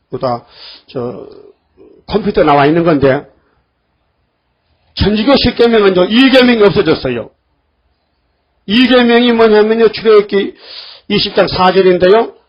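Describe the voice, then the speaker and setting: An older man preaching a sermon in a church, lively and acting out the voices of the people he quotes. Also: high-pitched, normal speed, long pauses, dull audio. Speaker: pastor.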